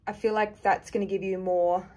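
A woman's voice: mid-range voice, flat delivery, moderate pace, darkish tone. A woman giving a casual review with frank, chatty opinions that she often hedges. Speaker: planner reviewer.

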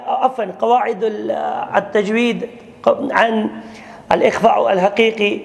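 A man teaching an online grammar class, his voice pitched high and rough with vocal fry. He calls on students by name, breaks off and restarts phrases, and stretches out words slowly when reading from the text. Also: darkish tone. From Kashmir. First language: Kashmiri. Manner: checks on students by name, halting restarts, slow drawn-out readings.

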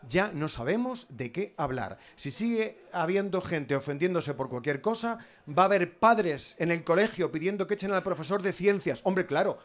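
Male stand-up comedian with a Spain Spanish accent, slightly high voice, animated and ironic. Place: stage.

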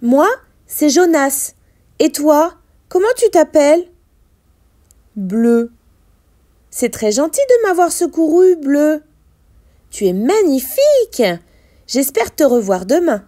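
A kind, caring young boy, as a woman reading aloud puts him on, speaking in a high voice that swings up and down. He calls out in a raised, anxious way, with a mellow tone. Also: very animated, slow pace, pauses often, heavily acted. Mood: grateful.

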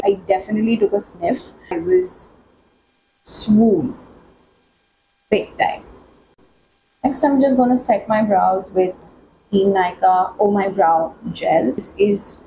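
A woman talking through a makeup tutorial as a beauty vlogger, chatty and excitable, with many fillers. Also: medium pitch, slight background noise, low-quality recording. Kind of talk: casual makeup tutorial chat.

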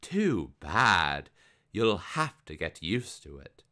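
A clever storybook hero, as a male reader voices him, speaking in a deep, slow voice with lively turns of pitch. He sounds sure of himself and teasing. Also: heavily acted. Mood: confident. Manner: confident, teasing. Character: clever, bold folk hero, a grown man.

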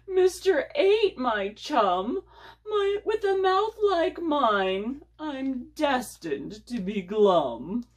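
A woman voicing a gloomy, pouting male fish in a storybook, in a slow, mopey sing-song chant. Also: high voice, big pitch swings, pitched above the performer's own voice, full character voice.

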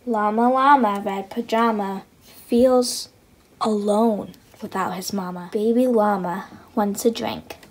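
A woman reading a children's picture book aloud in an expressive way, breaking in with whispered asides and gasps. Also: mid-range voice, takes it slowly, a little hiss or hum, rough recording.

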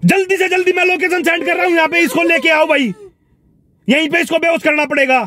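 A man's voice: very high voice, steady tone, fast. A man playing a menacing driver who kidnaps his passenger, threatening and barking orders inside a car. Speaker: driver giving a lift. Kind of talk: hobby skit acting. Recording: loud traffic noise outside.

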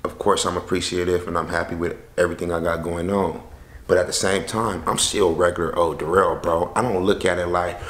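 A young man telling a story casually to a handheld camera in and around his house, slangy and animated, acting out the people he quotes. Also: deep voice, fairly quick. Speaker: vlogger. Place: house interior and front porch. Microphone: handheld camera close to face.

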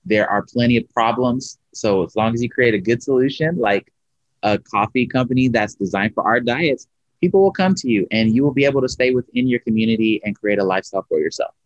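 Talking fairly quickly at medium pitch, a man in his thirties who owns a coffee shop gives an interview over video call from his shop. He's earnest and animated, and the webcam audio is slightly muffled with no room sound.

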